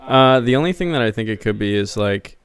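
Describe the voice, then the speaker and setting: A man's voice: mid-range voice, animated, brisk, smooth. A man co-hosting a casual livestream, puzzled as he explains the audio setup. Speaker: podcast co-host running the stream tech.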